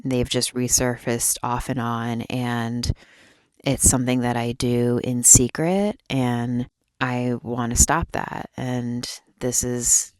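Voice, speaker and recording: A young woman talking quietly in a personal vlog, keeping her voice down at night as if someone is asleep nearby. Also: very deep voice, flat delivery, takes it slowly, no echo. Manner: quiet, hushed night-time talk so as not to wake a sleeper. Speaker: vlogger. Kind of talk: personal vlog talk to camera. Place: closet, small indoor space.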